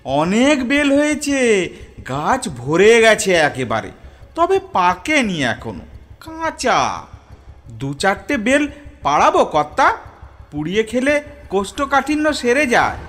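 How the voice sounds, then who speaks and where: A man's voice: high voice, huge pitch swings, slow pace, long pauses, a bit bright, heavily acted. An actor playing a timid, hard-of-hearing male servant in a radio play, speaking in a meek, pleading, hesitant way. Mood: earnest.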